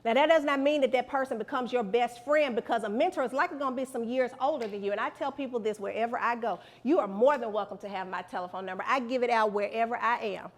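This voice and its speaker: Guest speaker: high-pitched middle-aged woman, motivational and repetitive, preacherly. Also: quick pace, hardly any pauses. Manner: animated, preacherly, repeats lines for emphasis. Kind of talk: motivational speech to students.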